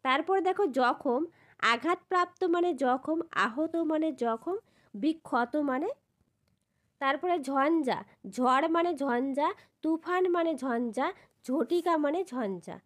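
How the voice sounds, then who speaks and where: A woman teacher explaining a grammar lesson step by step. She spells out syllables slowly and keeps asking whether her students follow. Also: high voice. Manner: repeats a checking question at the end of each point.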